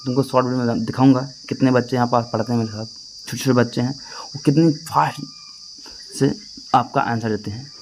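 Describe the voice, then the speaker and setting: A man's voice: mid-range voice, steady tone, a little fast, a little hiss or hum, rough recording. A man teaching as a maths tutor, patiently explaining and chanting times tables in a sing-song rhythm while often checking in with his listeners. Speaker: math teacher. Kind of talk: classroom-style tutorial.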